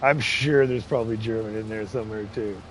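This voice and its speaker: The audio is poor, with slight background noise, as a man with a lowish, fairly even voice speaks briskly. Hosting a casual farming game livestream, he laughs often, chats, and reads chat messages aloud. His heritage spans English, Irish, Scottish, Ukrainian and Romanian lines.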